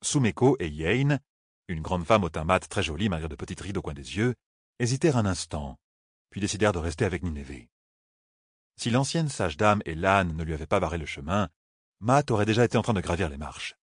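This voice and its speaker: Low husky guy reading a fantasy audiobook, dry close sound. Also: lively intonation, fairly quick, no echo. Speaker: audiobook narrator. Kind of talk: scripted narration.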